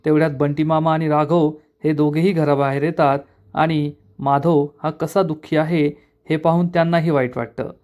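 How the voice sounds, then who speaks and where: A man narrating a recap of a television serial episode in a steady, flowing storytelling manner. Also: on the high side.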